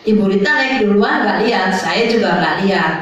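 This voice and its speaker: A woman's voice: medium pitch, animated, normal speed, muffled recording. An older woman pastor, telling a testimony in a sermon and often turning to address the congregation. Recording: very echoey hall, mic far off.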